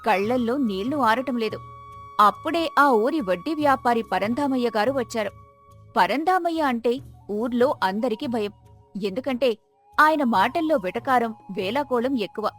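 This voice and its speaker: A woman telling a moral story in scripted, measured narration. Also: on the high side, animated, a bit bright, soft background music.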